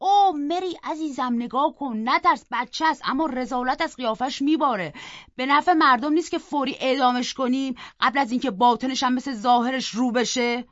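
A woman voicing a pompous, blustering older male magistrate who talks loud and indignant. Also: high voice, dry recording, muffled recording, close to an everyday voice. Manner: loud, indignant, self-important.

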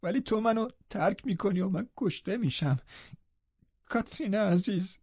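A man's voice: high-pitched, animated, gravelly, darkish tone, slightly rough, no room sound, voice pushed up, heavily acted. A man voicing a frail, sobbing young boy. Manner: sobbing, begging, self-pitying. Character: frail sickly teenage boy, fearful and pleading. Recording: dull lo-fi recording.

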